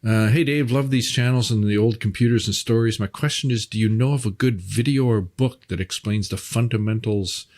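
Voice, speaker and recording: A middle-aged man reads out viewer questions and chats in an easygoing, unhurried way. His voice is on the low side. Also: darkish tone. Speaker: co-host reading viewer questions. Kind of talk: casual chat.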